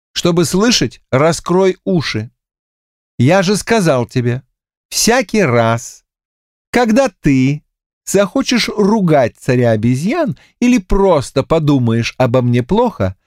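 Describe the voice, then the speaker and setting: A man voicing a boastful, self-satisfied Monkey King who talks slowly and grandly in an audiobook. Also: on the high side, sing-song, darkish tone, no echo, studio quality, pitched above the performer's own voice. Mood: smug. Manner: pompous, slow and self-satisfied. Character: smug, boastful Monkey King, male, ageless.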